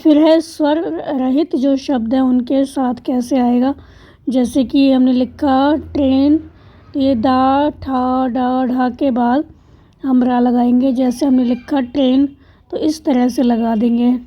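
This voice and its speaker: A woman teacher patiently explaining a language exercise step by step, spelling out letters and word parts one at a time. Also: sits high. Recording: dull lo-fi sound.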